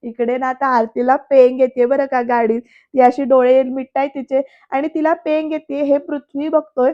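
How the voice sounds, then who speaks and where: A woman's voice: high-pitched, level tone, normal speed, dull audio. A woman narrating a voice-over episode review in a chatty way, talking straight to the viewers. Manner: chatty, addresses the viewers directly. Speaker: serial reviewer.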